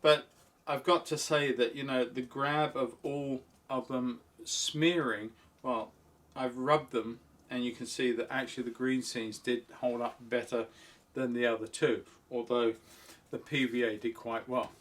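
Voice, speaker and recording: A man's voice: mid-range voice, steady tone, measured pace, a bit bright. Chatty middle-aged man rambling about his hobby. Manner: rambling, self-deprecating, chatty. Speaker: model railway channel host. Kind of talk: casual hobby vlog talk.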